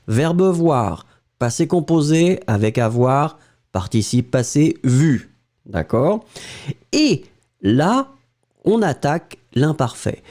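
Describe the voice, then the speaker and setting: Lively, slow-speaking male French teacher. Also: medium pitch. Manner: patient, explains step by step, spells words out. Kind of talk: live online grammar lesson with dictation.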